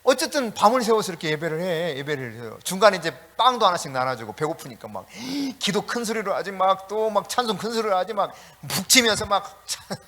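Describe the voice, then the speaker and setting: A middle-aged male pastor giving a sermon, animated and storytelling, talking directly to the congregation with chatty asides. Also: high-pitched, a little fast, few pauses. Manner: animated preaching with shouted calls.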